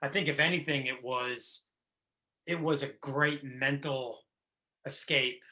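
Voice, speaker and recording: Bright-voiced man in his thirties. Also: medium pitch, fairly even intonation, takes it slowly. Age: 30s. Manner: rambling, many restarts and fillers. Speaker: podcast host. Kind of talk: casual chat.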